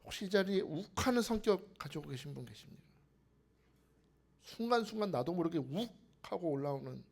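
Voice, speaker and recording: A man's voice: on the high side, gravelly. A man preaching a sermon to a congregation, asking them rhetorical questions and dropping to a whisper for emphasis.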